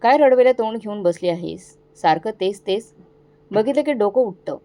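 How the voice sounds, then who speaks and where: A woman voicing a cruel, angry young husband in a storybook tale, speaking in sharp commands. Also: medium pitch, lively intonation, moderate pace, natural voice. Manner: shouting, commanding.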